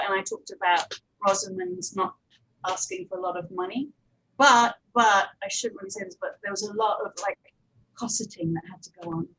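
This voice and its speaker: Captured on a low-quality recording, a woman with a fairly high, fairly bright yet husky voice speaks as an audio producer. Her informal panel presentation is conversational, full of anecdotes and digressions.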